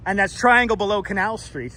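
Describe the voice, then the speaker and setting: A man with a real Brooklyn accent and a high, bright voice chats casually as he hosts a street livestream. He is blunt, swears freely and circles back over his own phrases, with some city traffic noise around him. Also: animated, brisk. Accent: Brooklyn New York. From New York City. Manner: repeats phrases, blunt, salty language. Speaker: live streamer and host. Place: outdoors on a Manhattan street.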